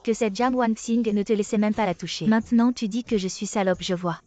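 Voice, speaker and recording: An actress playing a scheming young bride, scornful and bossy, in a mini-series drama. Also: female voice, medium pitch, steady tone, fairly quick, darkish tone, close to an everyday voice. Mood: bitter. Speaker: spiteful bride in a wedding quarrel.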